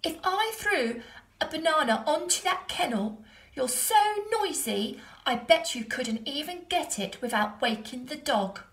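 Woman doing a cheeky high-voiced boy. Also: animated, unhurried, a bit bright, reverberant, exaggerated voice. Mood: teasing. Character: clever cheeky young boy.

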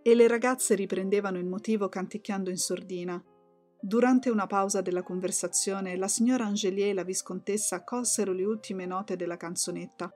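A woman narrating a literary audiobook in a calm, measured way. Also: mid-range voice, soft background music.

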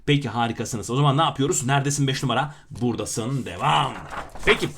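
Medium-pitched, a bit bright and slightly rough, this man talks fast while working through exam questions in a grammar lesson. Between forceful explanations, he slips in teasing, self-mocking remarks.

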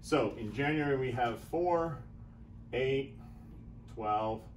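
A man's voice: mid-range voice, takes it slowly, a little hiss or hum. A man in his thirties giving a casual whiteboard business lesson, thinking aloud as he works through sums, on a lapel mic in a small room. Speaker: chiropractic business coach.

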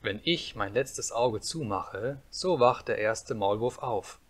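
A man reading an audiobook, voicing a little cat who speaks slowly and calmly. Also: mid-range voice. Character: little cat in an oak tree.

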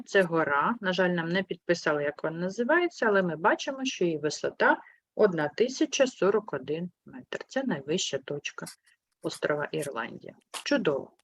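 A woman teaching a primary school class, patient and clear, asking questions and gently correcting her pupils. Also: sing-song, a little fast, no room sound. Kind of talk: online class lesson. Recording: muffled low-fidelity sound.

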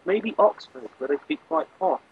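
A man's voice: high-pitched, expressive, normal speed, phone-quality sound, a little hiss or hum. A man joking around in casual chat while playing an online game. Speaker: gamer.

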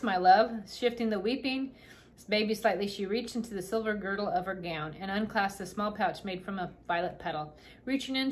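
A woman's voice: mid-range voice, a little hiss or hum. Woman reading a children's book aloud. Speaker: storybook reader.

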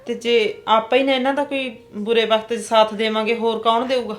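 A woman's voice: a little high, steady tone, brisk. A woman with a Punjabi accent acting a kind, pleading aunt in a drama. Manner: gentle and pleading. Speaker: actress playing an aunt.

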